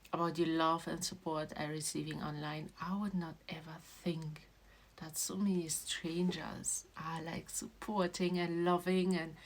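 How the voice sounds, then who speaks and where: A woman from Trinidad and Tobago, a children's book author and illustrator talking in a casual vlog. She talks haltingly, often repeats and restarts phrases, and her voice drops soft and low. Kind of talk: casual emotional vlog talk.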